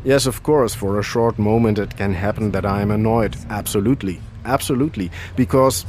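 A man delivers a translated interview as a voice-over. His voice is on the low side and conversational, with faint vehicle noise underneath. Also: steady tone, moderate pace, a little mellow.

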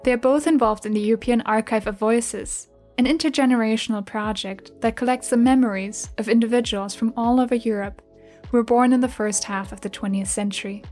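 A woman hosting a podcast, reading a smooth, even scripted introduction and asking interview questions. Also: fairly high pitch, a little fast, faint music behind. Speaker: podcast host.

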